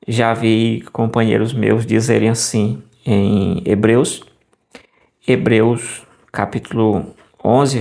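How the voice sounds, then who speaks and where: A man's voice: medium pitch, gravelly, a little mellow. A man giving casual spoken commentary on preaching, talking in a loose conversational way with frequent restarts and tag questions.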